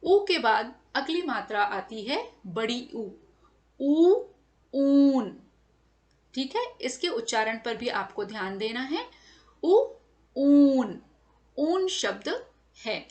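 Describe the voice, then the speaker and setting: A woman's voice: on the high side, very animated, measured pace. A woman teacher giving a careful lesson to children, stretching and stressing each sound as she says it over slides.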